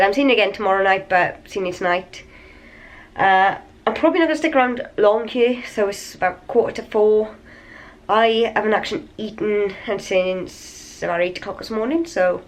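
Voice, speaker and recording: A woman talks casually into a handheld camera from a hotel room, in a middle-pitched voice. A cold has left her slightly raspy and wheezy, and she sounds a bit out of breath. She rambles in a chatty, tired way. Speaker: vlogger. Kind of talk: casual vlog chat to camera.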